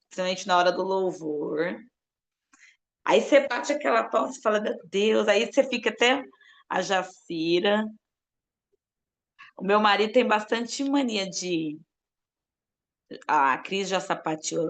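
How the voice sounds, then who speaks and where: Animated woman teaching prayer. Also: mid-range voice. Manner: animated, playful, addresses chat viewers by name. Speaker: prophetic intercession teacher. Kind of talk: live online church class.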